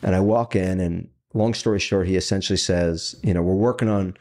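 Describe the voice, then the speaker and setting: Telling the story of his career on a podcast, this CEO talks fast and animatedly, putting on voices for the people he quotes. He has a deep voice.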